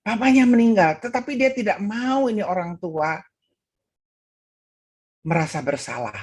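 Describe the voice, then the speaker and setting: A woman's voice: animated, a little slow, a little mellow, breathy edge. A woman with an Indonesian accent preaching at an online women's gathering, telling a story and acting out its voices. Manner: acts out voices in her story, pitch swinging high and low. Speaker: women's ministry speaker. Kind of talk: sermon with a told story. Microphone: video call.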